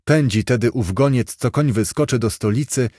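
A man's voice: medium pitch, moderate pace, dark tone, dry recording, clean studio sound. A man narrating an archaic fairy tale aloud in a solemn storybook manner. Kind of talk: storybook reading.

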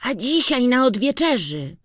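A narrator voicing a young farm boy who speaks in high, eager exclamations, in an audiobook. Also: sing-song, a little slow, fairly bright tone, dry recording, studio quality. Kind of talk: audiobook reading.

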